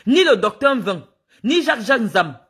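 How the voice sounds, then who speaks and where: A woman's voice: fairly high pitch, very animated, unhurried, a bit bright, husky. A woman from Cameroon speaks. She tells her story in an indignant, emphatic way and plays out the back-and-forth of the conversation herself. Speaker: sports official speaking out. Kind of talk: spoken monologue, recounting and accusing.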